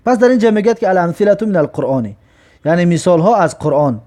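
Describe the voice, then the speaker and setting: A high-pitched man teaches the Arabic alphabet. He draws out each sound slowly and repeats it with patient care. His explanations come at a calm classroom pace. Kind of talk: slow, drawn-out recitation lesson.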